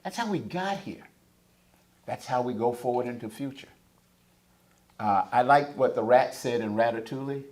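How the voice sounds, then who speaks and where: Here a Southern American man takes part in a panel discussion, his remarks rising in emphatic, preacher-style build-ups that echo around the conference room. He speaks at medium pitch and a moderate pace, pausing often, with a slightly mellow quality.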